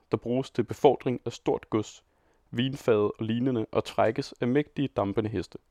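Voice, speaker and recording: A man presenting a scripted literary radio feature and reading a novel aloud in a measured, dryly ironic manner on a close studio mic. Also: mid-range voice, darkish tone, no echo.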